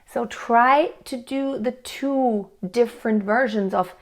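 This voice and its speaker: Answering a viewer's question, a woman explains singing technique to camera in a friendly, patient manner, illustrating with sung examples. She speaks slowly with a fairly high pitch.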